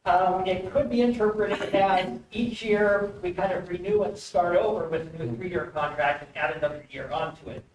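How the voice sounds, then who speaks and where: A man giving public comment at a meeting, measured and a little hesitant as he explains a concern. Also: high-pitched. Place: indoor public meeting room. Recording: echoey room, distant mic, faint noise.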